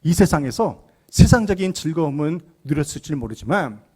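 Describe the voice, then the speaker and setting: A middle-aged man preaches a Sunday sermon in a church. His voice sits a little high and sounds husky. He speaks earnestly, often putting questions to the listeners. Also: animated, normal speed, darkish tone. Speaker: pastor. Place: church sanctuary.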